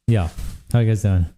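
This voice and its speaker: Mellow and on the low side, his voice carries a casual, profane livestream chat as he reads viewer comments. The young host is worn out from days on stream and fires off quick asides at chat.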